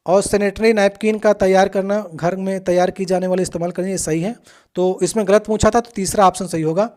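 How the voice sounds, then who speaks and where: A coaching teacher works through previous exam questions in a steady, explanatory way. The teacher speaks directly to the students and keeps checking in with a quick "okay" before moving on. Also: mid-range voice.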